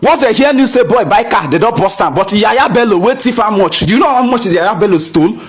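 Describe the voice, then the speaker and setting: In a fairly quick, high-pitched voice with lively intonation and a breathy edge, a young Nigerian man gives an impassioned rant to camera. The photographer combines English and Pidgin and drives home rhetorical questions.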